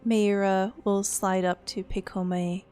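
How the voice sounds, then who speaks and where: A woman playing a tabletop game, speaking softly and sometimes dropping to a whisper. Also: mid-range voice, level tone, slow pace, smooth. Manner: soft, drops to a whisper. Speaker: player. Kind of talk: casual tabletop play.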